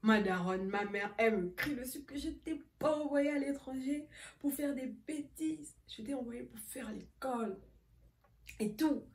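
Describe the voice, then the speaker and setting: Une jeune femme qui raconte une anecdote sur un ton familier et animé, en riant souvent. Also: female voice, high voice, measured pace. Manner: animated, laughing often while telling. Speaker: vlogger. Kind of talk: casual storytime. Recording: roomy echo, voice a bit far from mic.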